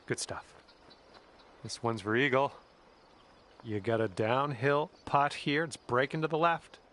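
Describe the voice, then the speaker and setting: Man as an upbeat golf commentator, bright voice. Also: mid-range voice, measured pace, lightly acted. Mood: upbeat, encouraging. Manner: casual, encouraging play-by-play. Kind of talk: golf video game commentary.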